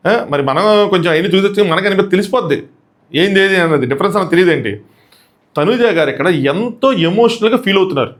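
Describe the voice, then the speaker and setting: A man with a Telugu accent giving a quick, animated review of a reality show episode, acting out the contestants' lines. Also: high voice. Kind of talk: fast episode review commentary.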